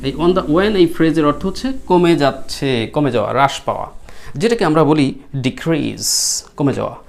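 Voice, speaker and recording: A man's voice: fairly high pitch, normal speed, gravelly, slight background noise. A man with a Bengali accent teaching English vocabulary, who spells words letter by letter and repeats them, then asks the class questions and answers them himself. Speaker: English tutor. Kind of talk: vocabulary lesson. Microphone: writes on a screen while teaching.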